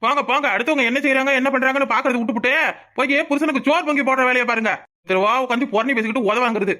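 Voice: high-pitched, rapid-fire, pushed and bright. A performer voicing a boastful, doting young village husband and strong laborer in a cartoon, speaking with a southern Tamil accent in a swaggering, playful, protective way. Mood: cocky. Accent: southern Tamil (Tirunelveli). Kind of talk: cartoon voice acting.

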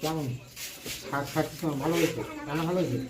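A man's voice: on the high side, very fast. A man filming a casual family travel vlog, chatting, teasing his relatives and breaking into song, first on a beach at night and then at dinner. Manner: chatty, teasing family members, bursts of singing. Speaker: vlogger.

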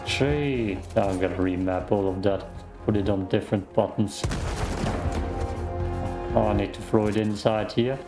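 A young man casually comments on his gameplay in a lowish, gravelly voice. He grumbles and mutters at an unhurried, very slow pace, close to the mic, with game music loud behind him. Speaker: game streamer.

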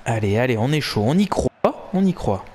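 A young man giving excited, swearing live commentary while playing a football video game. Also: mid-range voice, fairly quick. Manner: animated, swearing, cheering and groaning at the match. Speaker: gaming commentator.

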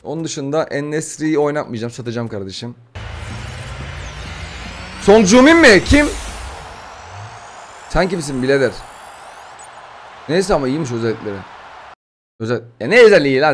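A young man loudly and excitably commentating as he opens packs in a football video game. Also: fairly high pitch, fairly quick, pauses often, a little hiss or hum. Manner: loud, excitable, shouting over reveals. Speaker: gaming streamer. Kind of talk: excited pack-opening commentary.

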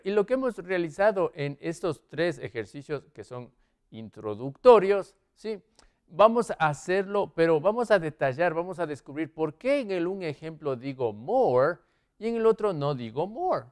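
A male English teacher giving a classroom lesson, often checking in with his students and moving around as he writes on the board. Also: fairly high pitch. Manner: checks in with frequent "¿sí?" and "¿ok?"; moves around while writing on the board.

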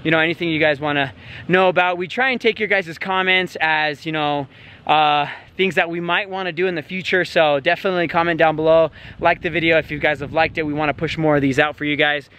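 Laid-back SoCal guy, high bright voice, slightly winded, outdoor trail vlog, rambly. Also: steady tone, a little fast, clean tone. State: a little out of breath. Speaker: off-road vlogger. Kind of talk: casual outdoor vlog talk.

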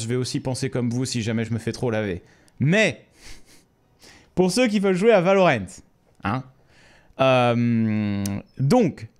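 A chatty male streamer with a slightly higher-pitched voice talks to his viewers over his stream, joking and playfully calling them ladies and gentlemen. Faint music plays quietly underneath. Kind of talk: casual live-stream chat.

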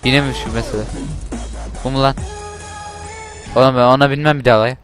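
A man giving casual gameplay commentary, talking loudly and swearing and shouting at the game. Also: mid-range voice, fairly even intonation, fairly quick. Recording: game music playing behind.

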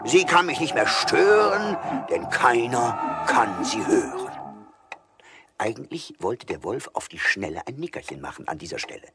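A man narrating a rhymed fairy tale with mocking humor, switching into voices for the characters. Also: mid-range voice. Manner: lively, mocking storyteller voicing characters. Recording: studio record with music behind.

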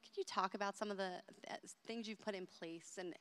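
A woman's voice: mid-range voice, brisk, fairly bright tone. A woman reporter interviewing a guest on a theatre stage with a handheld microphone, asking questions with small restarts.

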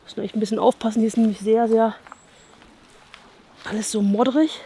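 A brisk, steady voice on the high side but dark in tone belongs to a woman in her thirties with a German accent. Walking an abandoned campsite outdoors as an urban exploration vlogger, she muses in casual commentary and often asks viewers to agree, filmed on a chest action camera. Slight background noise is audible.

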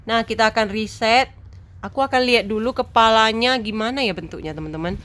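Woman game host for a let's-play: high voice, bright tone, excitable and chatty, talks right to the audience. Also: brisk. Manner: excitable, talks straight to viewers, laughs often. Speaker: gaming channel host. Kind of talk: casual let's-play commentary.

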